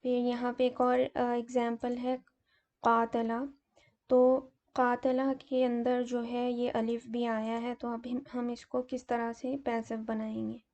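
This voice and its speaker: A teacher gives a grammar lesson slowly and methodically, working through each example with fillers along the way. Her gravelly, mellow voice is slightly higher than average yet stays on a flat, even melody.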